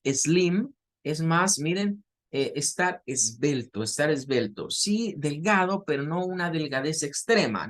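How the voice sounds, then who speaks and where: A man, teaching an English class, explaining patiently with repetitions and fillers. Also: on the high side. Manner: patient, repeats words and fillers while explaining.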